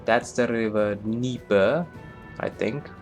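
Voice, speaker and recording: A man's voice: mid-range voice, takes it slowly, soft background music. A man giving casual, rambling let's-play commentary on a strategy game, with lots of fillers and self-deprecating asides. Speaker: gameplay commentator.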